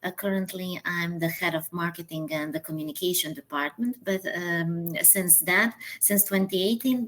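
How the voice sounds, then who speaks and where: A woman from Croatia introduces herself and her school to a webinar audience in careful English. Her voice sits a little low, and she speaks formally with many small hesitations. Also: a bit bright, poor audio. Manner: formal, measured, frequent uh fillers. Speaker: guest speaker, head of marketing at a business school. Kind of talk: webinar guest presentation.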